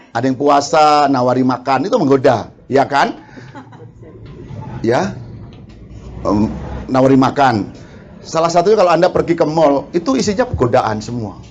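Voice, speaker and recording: A man's voice: fairly high pitch, slight background noise. A male preacher, delivering a sermon and firing questions at the congregation. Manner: asks the congregation questions, quick laughs, acts out quarrels. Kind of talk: lively sermon.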